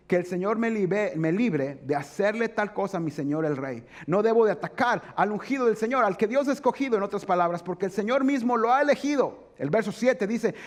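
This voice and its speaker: A man pastor preaching a sermon, animated, acting out voices and asking the congregation questions. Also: high voice.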